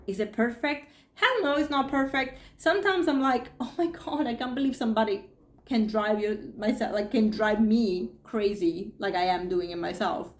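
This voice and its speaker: A woman in her forties speaks as a podcast host and spiritual coach in a casual, heartfelt way. She talks with animation and emotion, often voicing her own inner thoughts aloud. Her voice sits in a middle register and rings in a reverberant room. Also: medium pitch. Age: 40s.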